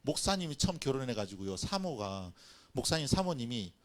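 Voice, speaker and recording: A man's voice: medium pitch, very animated, fairly quick. A middle-aged man preaching a children's and family sermon, telling stories and acting out little scenes. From Korean coast. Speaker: pastor.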